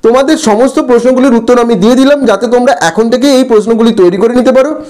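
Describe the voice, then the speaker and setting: A man, a teacher slowly going through textbook answers and spelling out words syllable by syllable. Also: very high voice, a little mellow.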